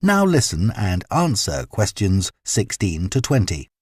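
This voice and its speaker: Husky man reading exam instructions. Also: fairly low pitch, wildly swooping pitch, darkish tone, no echo, clean studio sound. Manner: formal, deliberate. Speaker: test narrator.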